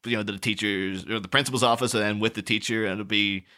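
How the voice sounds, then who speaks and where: A man's voice: lowish voice, quick pace. A man hosting a casual film-discussion podcast, rambling and laughing as he talks. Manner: animated, rambling, laughs while talking. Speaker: podcast host.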